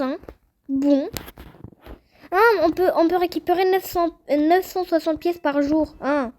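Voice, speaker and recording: A young woman giving chatty, excitable gameplay commentary and talking straight to her viewers. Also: sits high. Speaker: gaming youtuber.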